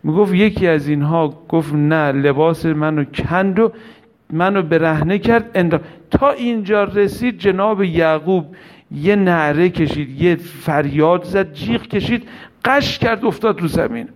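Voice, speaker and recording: A man preaching a mourning sermon with a high-pitched voice. He pleads and laments with deep feeling, and each phrase is heavy with grief.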